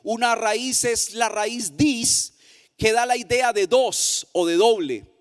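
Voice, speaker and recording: Pastor guy preaching in a real high voice, singsongy, slows way down to stress stuff, church echo. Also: clean tone. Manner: sing-song preaching cadence, slowing for emphasis. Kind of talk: sermon. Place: church hall.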